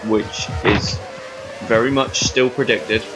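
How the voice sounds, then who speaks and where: A man's voice: mid-range voice, steady tone, slow pace, poor audio. A man commentating a sim race in a casual, bantering way, often correcting himself. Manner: chatty, self-correcting, bantering. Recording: music playing behind.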